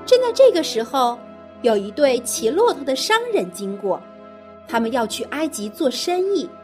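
A woman storyteller narrating a Bible story for small children, expressive and simple in her explanations. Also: high voice, moderate pace, faint music behind.

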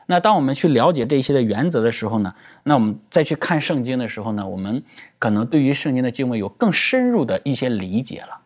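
Quick-talking man discussing scripture. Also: mid-range voice, very animated.

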